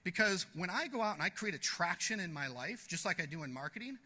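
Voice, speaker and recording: A man giving a blunt, animated marketing seminar talk to a live audience, acting out the people he quotes. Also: high voice, quick pace. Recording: echoey hall.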